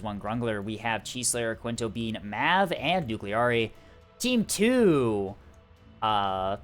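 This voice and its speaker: A man's voice: medium pitch, fairly bright tone. Man, esports caster, chatty play-by-play, lots of ums, faint music behind. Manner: chatty, filler-heavy play-by-play with frequent "uh" and "um". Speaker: tournament caster. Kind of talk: live-streamed esports commentary.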